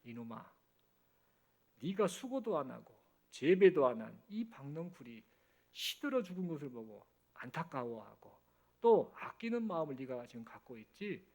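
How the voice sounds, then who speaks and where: A man's voice: fairly high pitch, big pitch swings, darkish tone, voice pushed down. A man acting out God as a stern, fatherly figure who scolds with care. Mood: stern reproach. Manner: slow, scolding, fatherly rebuke. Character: stern fatherly God, reproachful yet caring, older man.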